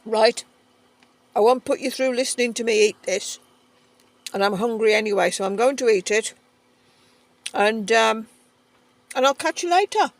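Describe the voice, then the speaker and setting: Inside a heated stove tent, a camping cook vlogs to camera in an easy, chatty way, voicing her thoughts while she prepares food. The voice is a little high, at normal speed with long pauses and no echo.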